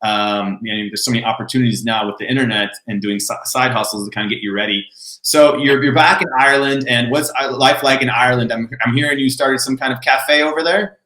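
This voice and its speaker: Male interview host, casual and talkative, bright tone, roomy echoey sound. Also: mid-range voice, brisk. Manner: relaxed, chatty, frequent "mm-hmm" backchannels. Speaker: podcast host.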